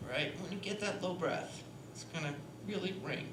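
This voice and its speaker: A woman's voice: lowish voice, normal speed. Chatty woman singer, echoey hall. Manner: chatty and demonstrative, asks "right?" constantly, laughs often. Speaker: singer and voice teacher. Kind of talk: panel talk with a breathing demonstration. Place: performance hall. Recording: echoey hall with steady noise.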